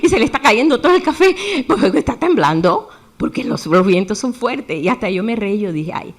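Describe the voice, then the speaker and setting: A woman preaching a sermon in a lively way, acting out the voices she quotes. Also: mid-range voice, brisk.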